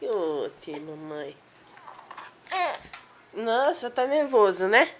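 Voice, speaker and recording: A woman's voice: mid-range voice, very animated, drawn-out words, a little hiss or hum. A woman filming her baby at home on a handheld phone, coaxing him in repetitive, sing-song baby talk. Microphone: handheld phone camera.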